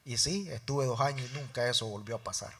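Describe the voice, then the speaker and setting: A middle-aged man, a lay preacher, gives a fairly quick sermon in church built around a personal story. He performs both voices in the dialogue, shifting from loud, emphatic lines to soft, low asides.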